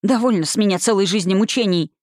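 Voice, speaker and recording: A woman's voice: medium pitch, fast, a little mellow, dry recording, clean studio sound, close to an everyday voice. A woman reading an audiobook, voicing an accusing, menacing witch who snarls and hisses. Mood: bitter, brooding. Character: bitter, menacing witch, woman, middle-aged.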